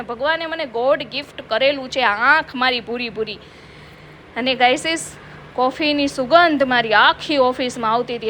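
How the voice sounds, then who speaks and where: A woman's voice: sits high, a bit bright, slight background noise. A woman doing a comic makeup vlog from her office, chatty and self-mocking, calling out to viewers. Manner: playful self-mocking, addresses viewers as guys. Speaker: comedy vlogger.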